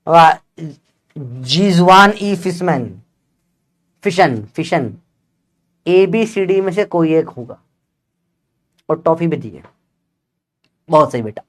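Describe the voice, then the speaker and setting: A young man, teaching a live online physics class and teasing and coaxing students to answer fast. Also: fairly high pitch, expressive.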